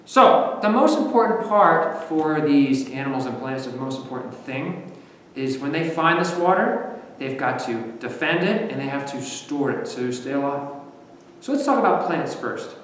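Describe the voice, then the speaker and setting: A young man from the western US leads a nature lesson for children, asking them questions in an animated, encouraging way. His voice sits a little high. He sounds far from the mic, with a long, roomy reverb and a faint background hiss. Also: normal speed. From western United States. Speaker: nature center educator. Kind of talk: virtual field trip lesson for kids. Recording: echoey, distant, long reverb.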